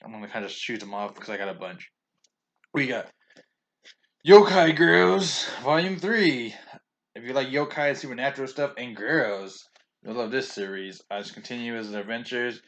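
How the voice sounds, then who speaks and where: A man's voice: fairly low pitch, fairly quick, fairly bright tone. A man talking casually in a video about books he bought, rambling, restarting often and stumbling over names, chatty and opinionated. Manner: chatty and opinionated, with frequent chuckles. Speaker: vlogger reviewing a manga haul.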